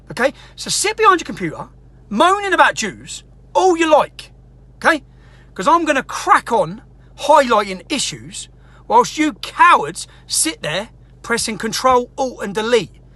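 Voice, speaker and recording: A man's voice: very high-pitched, sharp tone. An angry man ranting straight to camera as a political activist, sweary and combative, hammering his points again and again. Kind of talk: angry direct-to-camera rant.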